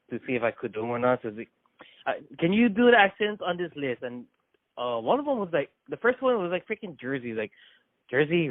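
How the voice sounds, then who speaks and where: A man's voice: medium pitch, no echo. A young man from Hawaii hosting a casual phone interview, giggling and rambling with many fillers. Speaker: host. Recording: dry tinny phone line.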